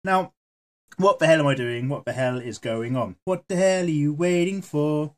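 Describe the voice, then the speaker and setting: A man chatting casually while he draws, rambling and swearing freely as he goes, with a voice that is going hoarse. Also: fairly high pitch, normal speed. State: losing his voice. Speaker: art vlogger. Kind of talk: casual chat while drawing.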